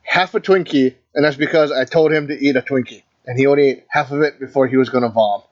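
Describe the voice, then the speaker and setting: A young man on a podcast, wandering through his points with plenty of ums and restarts. His voice sits at an ordinary pitch. The recording is dull and lo-fi. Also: fast talker, a little mellow. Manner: rambling, hesitant, with many fillers. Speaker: podcast co-host. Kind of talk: casual chat. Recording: dull lo-fi mic.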